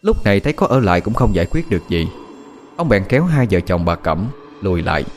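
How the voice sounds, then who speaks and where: A man's voice: low voice, big pitch swings, fast talker, a little hiss or hum. A man narrating a ghost story in a dramatic, suspenseful way. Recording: soft music behind the voice.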